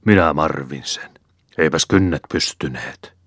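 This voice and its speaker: A man's voice: very deep voice, a bit bright, breathy edge, dry recording, studio quality, heavily acted. A man reading aloud voices a proud old male hunter who chants incantations and boasts. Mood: boastful.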